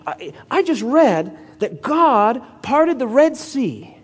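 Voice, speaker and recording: A man's voice: extremely high pitch, slow pace, husky, long reverb tail, full character voice. A male preacher voicing a joyful, simple new convert who exclaims with delight. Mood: overjoyed. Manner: excited, exclaiming.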